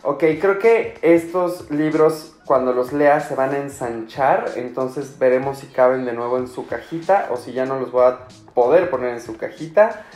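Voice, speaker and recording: A man's voice: mid-range voice, normal speed, a little mellow. A young man with a Mexican accent chatting eagerly and nostalgically to camera as a book vlogger. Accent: Mexican Spanish. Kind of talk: casual unboxing chat to camera. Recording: roomy echo with faint music.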